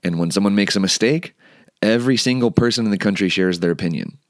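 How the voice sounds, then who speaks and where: Low-voiced podcast host, dry sound. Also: male voice, quick pace, no echo. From United States. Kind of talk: podcast intro and interview. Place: California.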